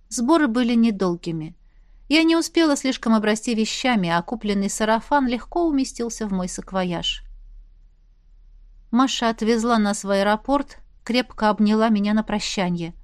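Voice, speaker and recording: A woman's voice: medium pitch, expressive, moderate pace, no room sound, clean studio sound. Woman narrating an audiobook in first person.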